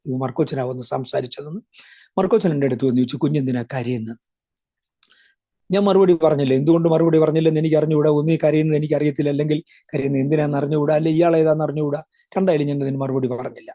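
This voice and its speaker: An older man with a Malayali accent recounts his personal testimony, slow to find his words and often restarting. His voice sits a little high yet sounds dark and mellow. The recording is dry, with no room sound. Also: dry recording. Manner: reflective storytelling with frequent pauses and restarts. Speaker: evangelist interviewee.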